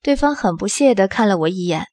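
A woman narrating an audio drama in the first person with a steady storytelling manner. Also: mid-range voice, quick pace, dry recording.

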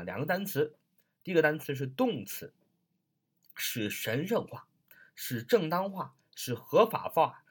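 A man teaching English vocabulary in an online lesson, repeating and spelling words slowly and asking rhetorical questions. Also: medium pitch, a bit bright, slightly rough.

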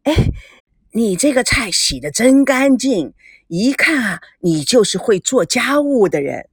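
A woman voicing a kindly elderly grandmother in an audiobook novel, speaking gently to smooth things over. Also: on the high side, big pitch swings, measured pace, no room sound, clean studio sound, heavily acted. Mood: soothing.

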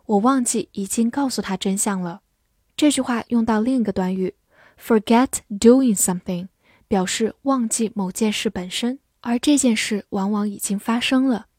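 A young adult woman teaching English vocabulary in a scripted lesson, spelling out words slowly and carefully. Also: fairly high pitch, darkish tone, husky, no echo, clean studio sound.

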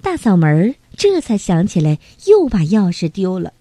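Gentle woman telling a bedtime story. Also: medium pitch, huge pitch swings, normal speed, no room sound.

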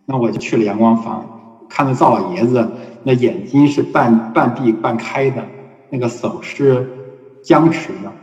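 A man's voice: mid-range voice, a little mellow. Man, telling a story in a roomy hall. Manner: unhurried, repeats words while recalling. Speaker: hospice volunteer guest. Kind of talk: conversational storytelling. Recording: roomy hall with long reverb, dull sound.

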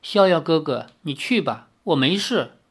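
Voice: mid-range voice, lively intonation, measured pace, breathy edge. A reader voicing a fragile, secretive young woman. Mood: hesitant. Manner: hesitant, soft and pleading.

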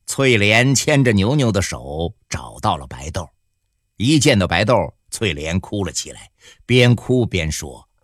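A man narrating an audiobook in a colloquial, animated storytelling manner. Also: low voice, unhurried, no echo, studio quality.

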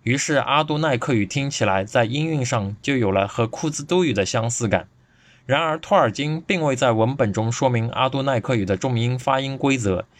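A man's voice: medium pitch, no echo. A man presenting a scripted podcast lecture, reading steadily and evenly from his notes into a close microphone.

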